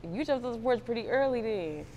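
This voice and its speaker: A woman's voice: a little high, animated, a little fast, dark tone, in a large hall, a little hiss or hum. A woman interviewing a guest, asking curious, conversational questions.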